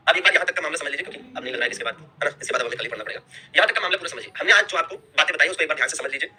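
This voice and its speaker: A man in a rapid-fire history lesson for exam students, asking questions and answering them himself. His voice is bright and sharp and a little high, and he is a little unwell. Faint noise sits behind him. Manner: repeats key terms, asks and answers his own questions; mixes Hindi with English terms. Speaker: history teacher. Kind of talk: online exam-prep history lecture.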